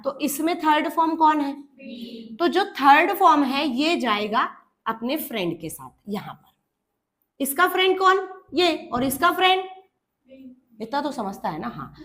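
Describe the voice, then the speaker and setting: A woman's voice: high-pitched, expressive, a little slow, pauses often, fairly bright tone. A woman teaching English grammar to students. She calls them "beta" and acts out little dialogues between grammar words. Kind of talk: classroom lesson.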